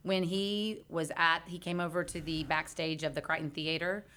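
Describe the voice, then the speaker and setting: A woman musician with a Texan accent, a guest in a casual interview who tells stories with lively asides. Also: low voice. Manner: lively storyteller, quick, laughing asides. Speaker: band member guest.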